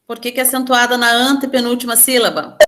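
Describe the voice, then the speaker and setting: A woman's voice: fairly high pitch, flat delivery, quick pace, background noise. Patient Brazilian woman teaching a class. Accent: Brazilian Portuguese. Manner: patient, explaining step by step, asking questions. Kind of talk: online class lesson.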